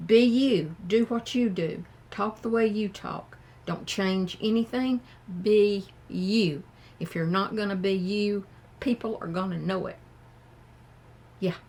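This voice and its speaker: An older woman with a Southern US accent gives frank, plain-spoken advice to her viewers, talking slowly and thoughtfully. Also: mid-range voice, a little mellow, breathy edge. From American South. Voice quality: slow and thoughtful. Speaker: vlogger. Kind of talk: casual advice talk to camera.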